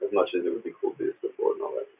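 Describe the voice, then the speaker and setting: A man chatting casually and thinking aloud on a drawing livestream, heard muddily through a Bluetooth speaker used as a microphone. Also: rapid-fire. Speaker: live streamer drawing comic art. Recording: muddy, phone-like Bluetooth speaker used as mic.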